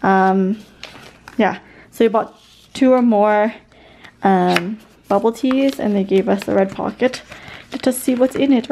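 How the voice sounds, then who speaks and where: A woman talking casually in a vlog, relaxed and a bit rambling. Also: fairly high pitch, a little hiss or hum, low-quality recording.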